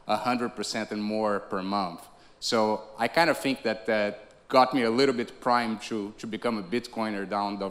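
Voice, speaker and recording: Brazilian man talking in a reverberant theater. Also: lowish voice. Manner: conversational, restarts often, laughs lightly. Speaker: conference speaker. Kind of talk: conference talk. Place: theater stage. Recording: long reverb of a theater hall.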